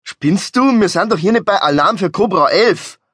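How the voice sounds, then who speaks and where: A man voicing an irate, gruff middle-aged driver who barks insults, in an audiobook. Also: medium pitch, normal speed, fairly bright tone, no echo, natural voice. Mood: incredulous. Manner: gruff, swearing, barking insults. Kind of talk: audiobook character voice. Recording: dry studio recording.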